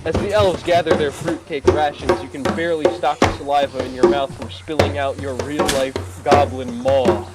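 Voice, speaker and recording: Man, fairly high voice, playful, reading a text adventure, loud music behind. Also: steady tone, normal speed, hardly any pauses. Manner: playful, breaks into laughter. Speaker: player narrating.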